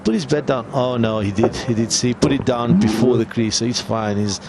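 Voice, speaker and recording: Conversational male cricket analyst over loud noise. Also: medium pitch, steady tone, fairly quick. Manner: conversational, explanatory. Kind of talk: live sports commentary and replay analysis. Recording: loud outdoor and vehicle noise.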